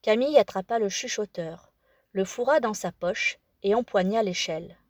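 A woman narrating an audiobook in a measured, calm storytelling manner. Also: mid-range voice, no echo, studio quality.

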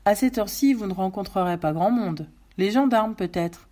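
A woman's voice: mid-range voice, moderate pace, dark tone, lightly acted. A woman voicing a jovial, chatty male gas station attendant with a sing-song way of talking in a read-aloud story.

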